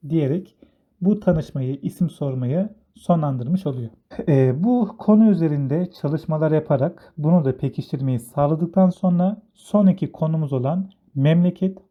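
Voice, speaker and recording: A man explaining a beginner English lesson, going slowly and step by step and repeating each word in two languages. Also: a little high. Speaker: English teacher. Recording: tinny phone-like sound.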